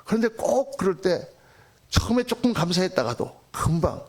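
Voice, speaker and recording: A male pastor delivers a sermon with a high, gravelly voice. He preaches emphatically, speaks straight to the congregation, and slips into voices for the characters he quotes. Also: big pitch swings, moderate pace. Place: church sanctuary.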